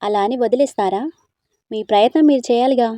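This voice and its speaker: A woman voicing a gentle, teasing young man in a storybook reading, earnest and coaxing. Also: fairly high pitch, brisk, no echo, studio quality, lightly acted.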